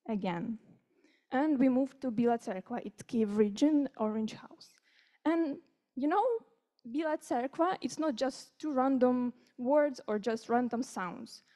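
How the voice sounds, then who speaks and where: This is a 15-year-old girl speaking at a conference as a youth presenter, warm in tone with a fairly high pitch. Native to Ukrainian and carrying its accent, she keeps her presentation friendly and informal for the seated audience in the conference room.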